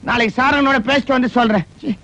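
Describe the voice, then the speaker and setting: An actor playing a scheming, talkative comic friend in an old film, rambling and wisecracking. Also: male voice, very high voice, fairly even intonation, quick pace, a crowd in the background, rough recording. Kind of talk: 1980s film dialogue.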